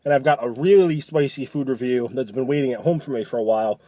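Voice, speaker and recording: A man's voice: medium pitch, fast talker, dark tone, no room sound. A man giving a casual, chatty food review, talking loosely and often rephrasing as he goes.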